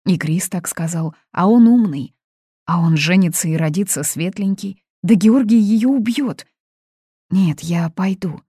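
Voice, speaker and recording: A woman's voice: measured pace, mellow, slightly rough, no echo, studio quality. A woman reading aloud, voicing a young woman who is crying and pleading in distress. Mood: anxious. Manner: pleading, high-strung. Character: young woman, sobbing, desperate bride-to-be. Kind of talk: audiobook reading.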